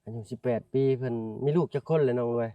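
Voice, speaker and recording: A man with an Isan accent talks his way through a village in a casual, chatty vlog, often turning to his viewers as brothers and sisters and apologizing politely. His voice sits at a middle pitch. It is heard from some distance off the mic, with a dry sound and no room echo. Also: level tone, fast talker, highs cut off. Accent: northeastern Thai (Isan). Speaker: vlogger. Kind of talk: casual vlog narration while walking. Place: outdoors in a village.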